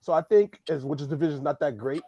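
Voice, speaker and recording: A man's voice: on the high side, quick pace, highs cut off, crowd noise. A man joining a casual live-stream chat about football, loose and repeating himself. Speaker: guest on stream.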